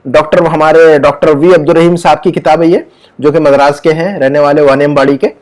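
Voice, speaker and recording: A man with a fairly high voice leads an Arabic lesson. He speaks patiently, repeats each word and stretches sounds slowly to model them, then checks in with his student. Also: steady tone, a little mellow. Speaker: Arabic teacher.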